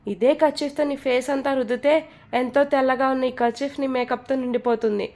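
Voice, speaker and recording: A woman's voice: high voice, fairly even intonation, fast, darkish tone. A woman voicing a cocky, mocking young man. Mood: cutting. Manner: mocking, boastful.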